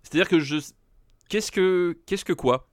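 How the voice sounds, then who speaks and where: A man co-hosting a film podcast in casual chat, animated and stumbling over repeated words as he complains. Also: high voice, unhurried, no room sound, studio quality. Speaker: podcast co-host.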